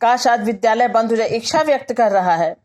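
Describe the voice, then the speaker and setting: A woman with a Hindi accent gives a patient grammar lecture, saying example sentences slowly before explaining each. Her voice is a little high with a darkish tone.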